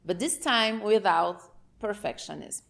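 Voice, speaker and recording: A Brazilian woman whose native language is Portuguese hosts her own channel, talking unscripted to the camera with a Brazilian Portuguese accent. Her medium-pitched voice is unhurried with vocal fry, and the recording is very noisy. She speaks frankly, drifts off topic a bit, and keeps asking "okay?"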